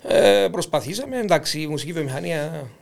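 A man's voice: on the high side, very animated, gravelly. A man with a Cypriot Greek accent, talking as an interview guest about music, with frequent restarts. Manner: talkative, halting restarts. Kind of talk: casual conversation.

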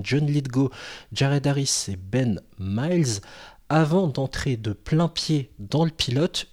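A man hosting a podcast in casual chat, with jokey, self-mocking asides. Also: medium pitch. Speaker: podcast host.

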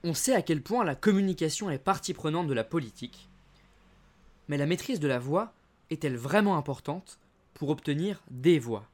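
A man hosts a podcast and reads out his interview questions. His voice sits a little high, and he keeps an even, measured, scripted delivery.

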